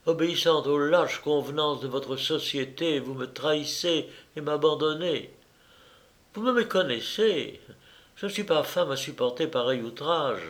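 A man's voice: on the high side, unhurried, a bit bright, voice pushed up. Man doing a proud fiery young woman, cutting, raised voice, audiobook. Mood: furious. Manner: fierce, cutting.

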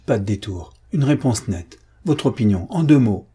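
A man's voice: lowish voice, lively intonation, normal speed, dark tone, husky. A man voicing a young army captain who breaks into anguished, frantic outbursts in an audiobook. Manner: cries out in raised, frantic outbursts.

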